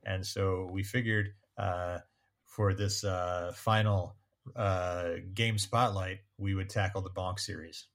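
A man hosts a casual games podcast, speaking softly and unhurriedly with many fillers. His voice sits on the low side. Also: takes it slowly. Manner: relaxed, soft, hesitant with many fillers. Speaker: podcast host. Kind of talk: casual chat.

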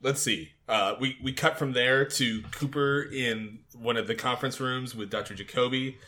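A man co-hosting a casual TV recap podcast, animated and quick to laugh, with casual swearing. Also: mid-range voice. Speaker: podcast co-host.

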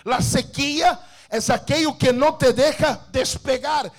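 A male preacher with a very high-pitched voice delivers a fervent sermon. He speaks slowly and deliberately, building to shouted declarations and calls for the congregation to respond.

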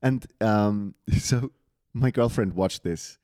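A man's voice: on the low side, slow pace, no room sound, studio quality. A man from Switzerland co-hosting a podcast, telling stories in casual chat with plenty of swearing. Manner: swearing, animated storytelling. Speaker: podcast co-host.

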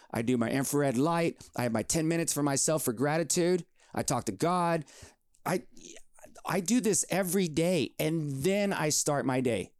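A man in his forties speaks as a podcast host, with a voice pitched a little above most men. He talks in a lively, emphatic, motivational way. The recording is close and dry, with no room sound. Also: no room sound. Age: 40s. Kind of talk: solo health podcast monologue.

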